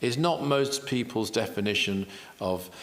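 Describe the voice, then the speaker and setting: A man's voice: fairly low pitch, lively intonation, unhurried, long reverb tail. A man, a spiritual teacher and author, explaining in an earnest interview style, repeating key phrases with self-deprecating asides.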